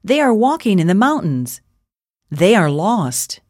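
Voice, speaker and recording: Slow, expressive woman reading a storybook. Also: mid-range voice, no echo. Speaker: story reader.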